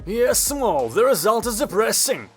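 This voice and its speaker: A man's voice: high-pitched, very animated, a little slow, faint music behind, pitched above the performer's own voice. Dry, stern woman commander, slightly raised voice, a man voicing her.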